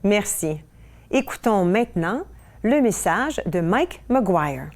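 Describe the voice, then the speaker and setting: A woman's voice: medium pitch, very animated, slow pace, a little mellow. A woman presenter announcing speakers from a script.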